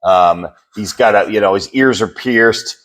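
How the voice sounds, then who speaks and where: A man's voice: lowish voice, unhurried, fairly bright tone. A man co-hosting a podcast in a casual debate chat, rambling and repeating words as he searches for them. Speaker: podcast co-host.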